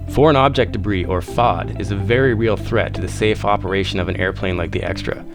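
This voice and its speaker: A man's voice: low-pitched, a little fast. A man giving scripted narration as the host of a video. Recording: voice-over with music bed.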